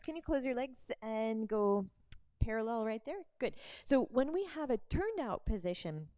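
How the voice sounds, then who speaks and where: A woman instructor explaining barre moves and cueing a demonstrator, encouraging and quick to laugh. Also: medium pitch, warm tone, dry recording.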